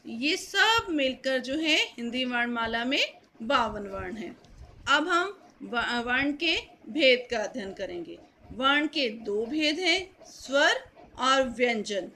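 A woman teaching a Hindi grammar lesson, slow and careful, repeating key points. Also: high-pitched, big pitch swings, sharp tone, slight background noise. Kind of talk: classroom lesson.

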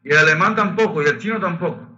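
A man teaches a Reiki group in a bright, fairly high voice. He explains techniques and leads slow, sung chanting of Japanese phrases. The recording sounds dull and lo-fi. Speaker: Reiki facilitator. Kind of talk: spiritual workshop teaching.

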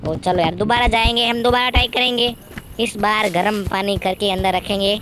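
A man's voice: sits high, steady tone, moderate pace, close to an everyday voice. A man playing a bossy, bragging young guy. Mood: boastful. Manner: bragging, impatient, bossing others around. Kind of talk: Hindi gaming commentary in character. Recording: noisy background.

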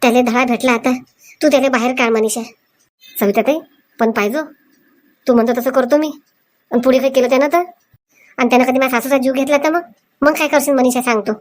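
A woman plays her part in a village comedy sketch. Her voice is fairly high, and she talks in a brisk, scolding way, full of worry and instructions. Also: fairly even intonation. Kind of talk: comic sketch acting.

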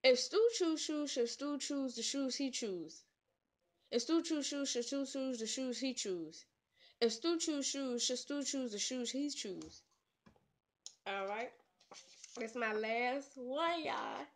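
A woman's voice: high voice, slow pace. A woman vlogger, attempting tongue twisters in a casual challenge video, playful and teasing. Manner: playful, trash-talking, laughs at her own slips.

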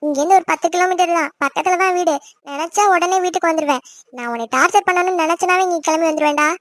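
A woman's voice: very high-pitched, rapid-fire, no echo, clean studio sound. A woman voicing a teasing, bossy young older sister in a family cartoon, with a chirpy voice. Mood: caring. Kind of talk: cartoon voice acting.

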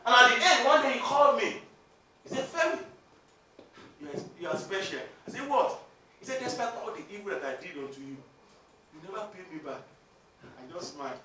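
A Nigerian man preaching with a very high, bright, forceful voice that jumps into shouts and dramatic quoted lines. He stands back from the mic in a big echoing hall, so the sound rings and spreads. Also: big pitch swings, a little fast, slight background noise. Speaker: pastor. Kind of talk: sermon. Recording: echoey hall, speaker far from mic.

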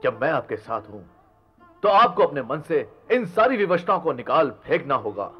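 A man's voice: fairly high pitch, very animated, moderate pace, husky, muffled recording. A man playing a resolute, loyal demon warrior prince, declaiming formally and emphatically in a mythological TV drama. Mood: resolute urging. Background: background music.

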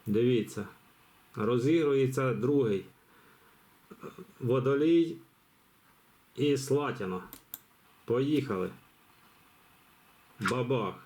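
A man's voice: medium pitch, slow, pauses often, darkish tone. Chatty man hosting a giveaway. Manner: rambling, chatty, many fillers and restarts. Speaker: channel host running a giveaway. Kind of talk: casual live commentary.

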